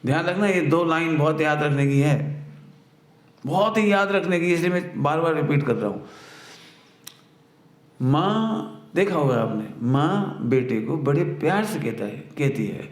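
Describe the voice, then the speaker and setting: A man with a slightly high voice gives a devotional talk in a large echoey hall. He teaches through homely examples and repeats his main points. Now and then he acts out a scolding mother in a louder voice. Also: lively intonation, a little slow. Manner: explains with everyday examples, repeats key lines. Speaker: spiritual teacher. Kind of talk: devotional discourse. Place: spiritual retreat centre hall.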